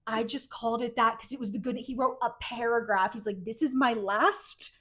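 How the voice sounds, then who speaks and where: A woman's voice: a little high, steady tone, a little fast, a bit bright. A woman co-hosting a podcast in casual chat, with a wry, playfully opinionated manner. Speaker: podcast co-host.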